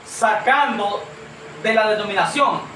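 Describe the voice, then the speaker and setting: A man's voice: high-pitched, a little slow, noisy background. A man preaching a sermon to a congregation, earnest and questioning, calling them brother. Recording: echoey room from far off.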